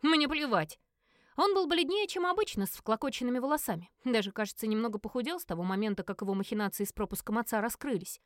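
A woman narrating a first-person audiobook in a lively acted reading, briefly giving each character a voice. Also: a little high, fast talker, few pauses, dry recording, studio quality.

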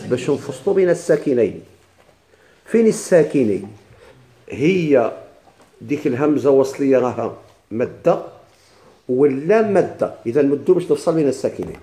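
A man with a Moroccan Arabic accent teaching a recitation class. He asks the class questions, answers them himself, and repeats words slowly with many restarts. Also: medium pitch, expressive, warm tone. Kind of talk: classroom lesson explaining a text.

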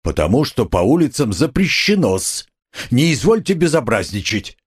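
A man voicing a gruff, pedantic street policeman who speaks in an officious, formal way. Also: medium pitch, sing-song, moderate pace, pitched above the performer's own voice.

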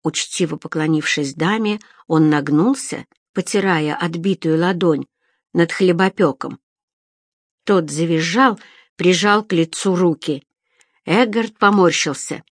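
A woman narrating a story aloud in an even, expressive manner. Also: on the low side, unhurried, dry recording, studio quality. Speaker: audiobook narrator. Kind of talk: scripted narration.

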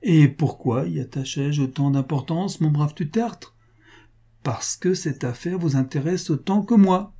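A man reading as a cynical rich financier with a dark, husky voice pitched well above the reader's own, coaxing and jovial on the surface. Each sweet word carries cold insistence underneath, in a classic storybook reading. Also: a little slow. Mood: wheedling. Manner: wheedling, mock-jovial, coldly insistent. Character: cynical wealthy male financier, falsely affectionate.

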